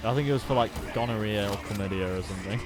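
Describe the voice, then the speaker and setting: A man's voice: on the low side, very fast, background noise. A man with a Stoke-on-Trent English accent chatting casually and in a rambling, easily amused way as he streams a video game. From Stoke-on-Trent, England. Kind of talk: casual gaming stream chat.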